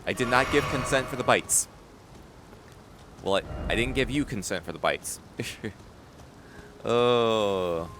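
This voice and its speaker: A man chatting excitedly as a game livestreamer, animated and often repeating his phrases. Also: mid-range voice, moderate pace, pauses often, background noise. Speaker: live streamer. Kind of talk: excited gaming livestream chat.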